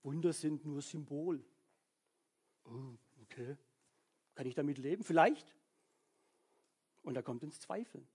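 A man with a high, husky voice delivers a sermon. He talks to his listeners as if chatting with them, keeps tossing in quick "ja?" check-ins, and slips into the inner voices of the people in his stories. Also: darkish tone. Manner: conversational, frequent "ja?" tag questions; acts out people's inner thoughts. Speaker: preacher.

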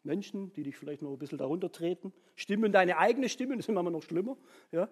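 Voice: medium pitch, fast talker, husky. A preacher retells a Bible story in a chatty sermon and keeps asking "ja?" to check in with listeners. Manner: chatty, tags nearly every sentence with a questioning "ja?"; animated storytelling with sound-effect sighs.

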